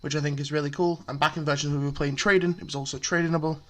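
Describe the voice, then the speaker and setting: Casual male presenter with a slightly high voice, talks through a deck with frequent fillers. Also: level tone, racing, fairly bright tone. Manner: chatty, filler-heavy, explains step by step. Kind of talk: casual card game explanation.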